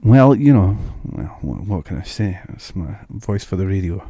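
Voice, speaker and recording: Recorded with studio quality on a new studio mic and no echo, a Scottish streamer gives casual gameplay commentary. His low, warm voice is very animated at a normal speed, and he's chatty, muses out loud about what he sees, and restarts words.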